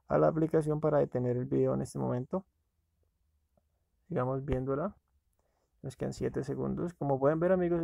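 A man's voice: mid-range voice, gravelly, warm tone, no echo. A man casually narrating a screen-recorded app walkthrough, talking to viewers as friends. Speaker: app reviewer.

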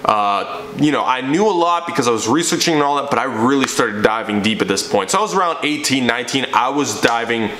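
A young fitness coach, seated on camera in his living room, tells his story a little fast in an animated, medium-pitched voice with a sharp edge. He comes across emphatic and preachy. The echoey room carries faint ambience and slight background noise.

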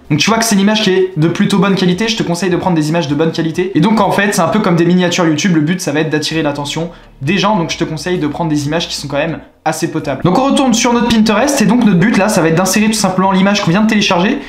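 Young French male tutorial host, high voice, chatty salesy delivery, roomy echo. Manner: chatty, repeats filler words, upbeat salesy instructions. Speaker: online money-making tutorial host. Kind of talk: screen-recorded tutorial walkthrough. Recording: echoey room.

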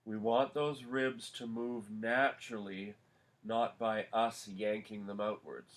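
Slow, calm male yoga voice teacher. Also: lowish voice. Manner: calm, unhurried instructing with pauses. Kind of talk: guided yoga class instruction.

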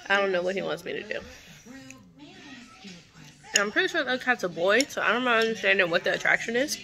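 A woman's voice: mid-range voice, lively intonation, fast, vocal fry. A young woman vlogging casually about her day, in chatty, slangy talk with casual swearing, recorded on a phone camera. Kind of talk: casual vlog chat. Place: home and car.

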